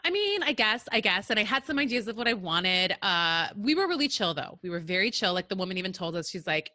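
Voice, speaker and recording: A woman's voice: mid-range voice, big pitch swings, quick pace, pushed and bright, no room sound, clean studio sound. A woman co-hosting a casual podcast, telling a story in a chatty way and acting out the dialogue. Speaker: podcast co-host. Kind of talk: casual chat.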